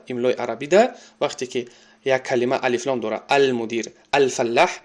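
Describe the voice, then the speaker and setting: A man with a Tajik accent teaching an Arabic grammar lesson. He reads each Arabic sentence, repeats it and then translates it. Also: mid-range voice.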